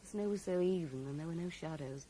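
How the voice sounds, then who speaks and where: A deep, mellow, natural-sounding female voice moves at a quick pace. She is acting in a 1980s radio drama, heard through a noisy broadcast recording, as a bitter, guarded woman in grief who recalls the past wistfully but answers her questioner curtly.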